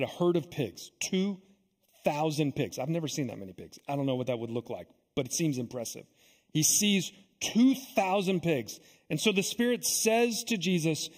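High-voiced preacher in an echoing church. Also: male voice, slightly rough. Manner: earnest preaching with deliberate pauses and repeated phrases. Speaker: pastor. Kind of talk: sermon. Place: church sanctuary. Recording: long echo of a church sanctuary.

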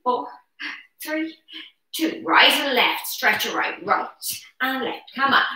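Her voice is high-pitched, bright and forceful, and she moves slowly as she calls out short rep counts, cheering on a live chair-exercise class. The session comes from her brick-walled living room, heard through a camera a few metres away with a very echoey sound.

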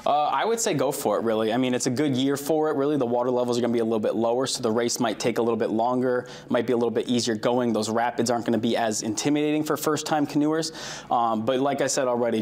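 A man's voice: mid-range voice, steady tone, quick pace, darkish tone. A man in his thirties, a recreation coordinator, answering questions in a live TV studio interview, upbeat and informal with fillers, on a lapel mic. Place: TV news studio.

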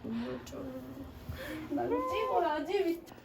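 A young woman talks casually to her camera as a vlogger. Her voice sits very high and leaps around lively, full of gushing exclamations. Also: a little slow, very noisy. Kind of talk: casual chat.

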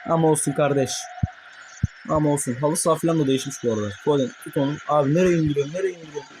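A young man commentating his own mobile football match for viewers, excitable and quick to curse at his players in frustration. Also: fairly high pitch, background noise. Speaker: gaming YouTuber.

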